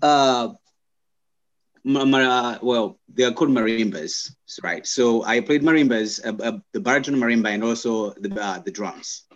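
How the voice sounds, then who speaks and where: A man from Zimbabwe, a scientist and guest, telling his life story in casual interview talk, pausing often with fillers and restarts. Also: mid-range voice, lo-fi sound. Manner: halting, many "uh" fillers and restarts.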